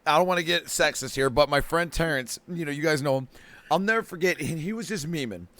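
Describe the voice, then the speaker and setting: A young man co-hosting a casual podcast, telling crude jokes and animated stories. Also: a little high, quick pace. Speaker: podcast co-host. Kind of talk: casual storytelling chat.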